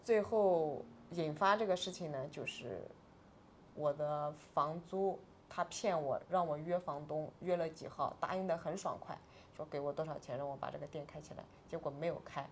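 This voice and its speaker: A woman's voice: deep voice, moderate pace. Interview guest, woman in her 40s, emotional first-person retelling, agitated swings, faint noise floor.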